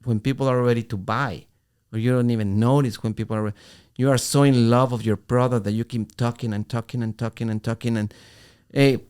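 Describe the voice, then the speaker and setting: A middle-aged man co-hosting a podcast, telling an animated story in casual talk with halting restarts. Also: mid-range voice, clear, resonant tone. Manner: animated, acts out quoted voices, halting restarts. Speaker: podcast co-host.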